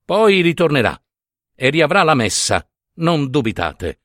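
A man's voice: a little high, very animated, unhurried, fairly bright tone, no echo, clean studio sound. A man voicing a burly, mocking middle-aged overseer who talks down to an old man in a dramatized story reading. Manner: swaggering, sneering, condescending.

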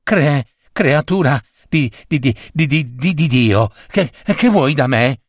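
A man's voice: a little high, huge pitch swings, unhurried, dry recording, clean studio sound, voice pushed up, full character voice. A man voicing a timid peasant wife in a folk tale, pleading in a raised voice and stammering when scared.

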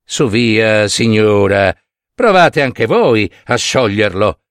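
A man's voice: on the low side, slow pace, dry recording, studio quality. A man reading as a mocking, possessive lord. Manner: mocking, haughty.

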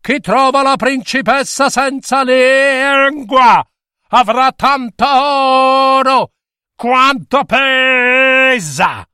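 A man doing a booming, short-tempered king. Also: lively intonation, slow, creaky, fairly bright tone, no room sound, clean studio sound, full character voice. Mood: bellowing. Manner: bellows orders.

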